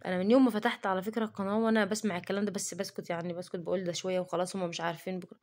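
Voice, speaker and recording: A woman's voice: medium pitch, little pitch movement, rapid-fire, a little mellow. A woman with an Egyptian Arabic accent, talking to camera in a casual cooking vlog and defending herself in an indignant rant. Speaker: cooking vlogger.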